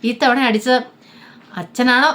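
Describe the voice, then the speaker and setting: A woman's voice: on the high side, fairly even intonation, a little slow, a bit bright, pitched above the performer's own voice. A woman reading out the lines of a mocking young man who taunts a woman. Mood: taunting. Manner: sarcastic taunting.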